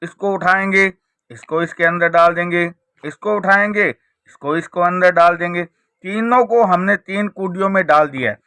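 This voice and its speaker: A man's voice: sits high, moderate pace, pushed and bright, clean tone, no echo, studio quality. A man presenting a card trick tutorial, explaining it step by step with repeated rhetorical questions. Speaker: magic trick teacher and presenter.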